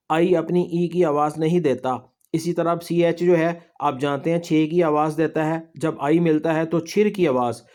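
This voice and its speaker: A man's voice: fairly high pitch, a little mellow. A man with a Pakistani Urdu accent teaching a slide-based language lesson, explaining patiently and reassuring his viewers.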